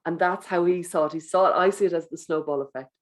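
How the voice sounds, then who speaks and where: A speaker giving a wellbeing talk to teachers in a gentle, coaching manner, guiding breathing exercises and acting out inner thoughts. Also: mid-range voice, fast. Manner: acts out inner thoughts in quoted voices.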